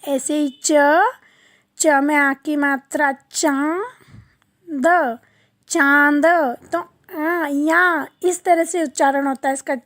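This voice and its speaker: A woman's voice: high-pitched, fairly even intonation, fairly bright tone, no echo, clean studio sound. A woman teaching young children a lesson, drawing out each syllable and asking questions she then answers herself. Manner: slow, drawn-out syllable-by-syllable pronunciation; asks the class questions and answers them herself. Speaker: primary school teacher. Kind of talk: online class lesson.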